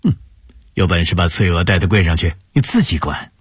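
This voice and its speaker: A man voicing a gentle, teasing middle-aged mother, coaxing her family. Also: low voice, lively intonation, fairly quick, husky, dry recording, clean studio sound, exaggerated voice. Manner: warm homely coaxing.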